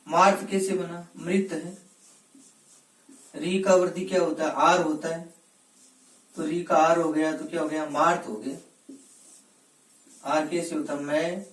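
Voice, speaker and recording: Teacher quizzing himself in an echoey room. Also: male voice, on the high side, fairly even intonation, distant mic. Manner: asks questions and answers them himself; slow and deliberate, stresses each part of a word. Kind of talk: classroom grammar lesson.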